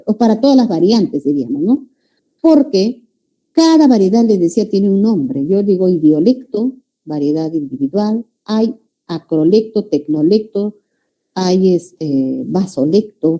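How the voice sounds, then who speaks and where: A woman giving a pre-university language lecture, often checking in with her students with a quick "ya?" or "no?". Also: lowish voice, dark tone. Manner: calls students "jóvenes", checks understanding with frequent "¿ya?" and "¿no?". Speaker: language teacher.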